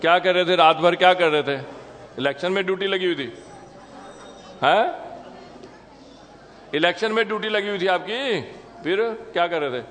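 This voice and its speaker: A man's voice: sits high, normal speed, long pauses, fairly bright tone, big-room sound. A man giving a Sunday sermon as temple lecturer, conversational and teasing the audience with questions. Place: temple hall.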